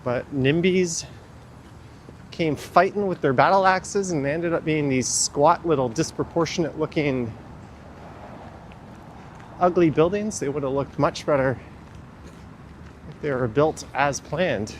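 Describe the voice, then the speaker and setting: A man's voice: fairly high pitch, a little slow, pauses often. A man, sniffling from the cold, giving casual, opinionated livestream commentary while walking outdoors. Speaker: livestream host. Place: outdoors, walking along a city street in winter. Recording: clear street traffic noise outdoors. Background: traffic and urban street noise.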